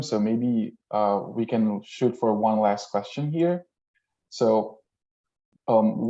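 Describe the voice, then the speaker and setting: A man's voice: fairly low pitch, dark tone, highs cut off. A man moderating an online panel, reading out questions plainly.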